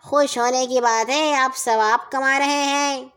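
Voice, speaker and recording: A woman's voice: sits high, steady tone, fairly bright tone, clean tone. A woman voicing a smug, shameless male neighbor in a children's story, talking sweetly and brazenly. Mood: preachy.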